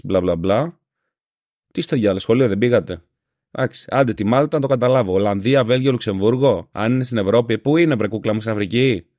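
Gravelly, grumbling Greek man with a Syros accent. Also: on the low side, darkish tone, no echo, clean studio sound. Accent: Syros island Greek. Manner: grumbling, sarcastic storyteller. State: slightly ill. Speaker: podcast host. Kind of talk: casual monologue podcast. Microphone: home podcast microphone.

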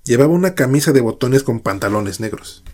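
A man narrating a first-person horror story in a measured, dramatic way. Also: mid-range voice, animated, darkish tone.

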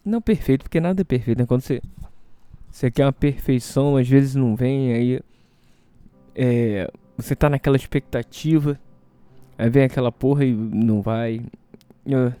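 A man's voice: medium pitch, moderate pace, pauses often, dark tone, clear, resonant tone, dry recording. A hungover Brazilian man hosting a casual solo show, rambling and hesitant as he talks. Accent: Brazilian Portuguese.

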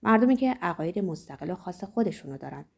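A woman reading the part of a stern, ironic older male world controller in a measured, lecturing way, her voice dropped lower than her narration. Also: lively intonation, gravelly. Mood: reflective.

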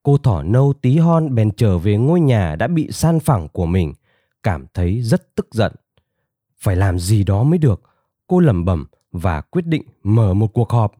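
A man narrating a fable with expressive, dramatic storytelling. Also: on the low side, unhurried, no echo, studio quality.

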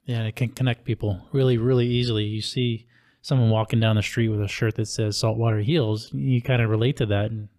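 A man's voice: fairly low pitch, fairly even intonation, brisk, darkish tone, no echo, clean studio sound. Easygoing Hawaiian man, podcast chat. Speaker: podcast host, teacher and parent.

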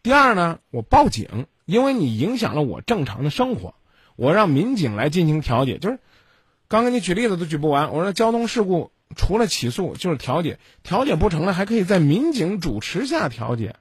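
Blunt, animated man scolding a caller. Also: sits high, fairly quick, husky, no echo. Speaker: radio advice host. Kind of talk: call-in advice show.

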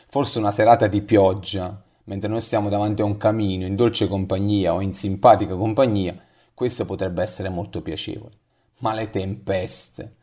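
A man's voice: on the low side, dark tone. A man preaching a devotional sermon, reading scripture and reflecting, often asking the listener questions directly.

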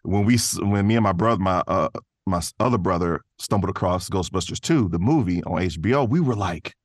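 This podcast guest is a voice actor chatting casually in an interview, rambling and enthusiastic, often dropping "man" and "you know." His low-pitched voice is expressive and brisk, captured as clean studio sound with no room sound.

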